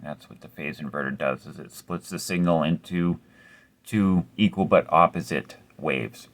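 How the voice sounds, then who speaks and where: Low-voiced man explaining amp repair. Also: moderate pace. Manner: laid-back, explaining step by step with mild cursing. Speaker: amplifier repair host. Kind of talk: casual repair tutorial.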